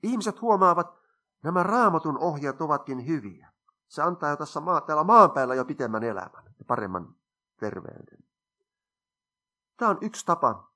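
Bright-voiced older man preaching. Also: mid-range voice. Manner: earnest, explaining scripture point by point. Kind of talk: sermon.

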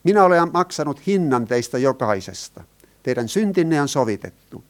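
A man's voice: medium pitch, big pitch swings, clear, resonant tone. A man preaching a sermon, stressing his points and putting rhetorical questions to the congregation. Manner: asks the listeners rhetorical questions, rises and falls in emphasis.

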